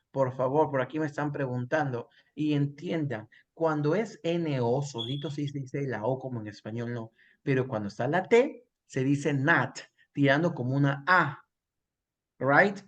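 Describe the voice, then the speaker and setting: Using Spanish alongside English, a man leads an English class and goes over example sentences slowly and repeatedly. His voice is on the high side.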